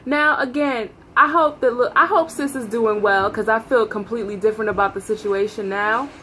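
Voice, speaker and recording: A woman telling a casual, gossipy storytime into her phone, animated, with dramatic emphasis and acted-out dialogue. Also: a little high, normal speed, a little hiss or hum. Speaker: vlogger telling a personal story.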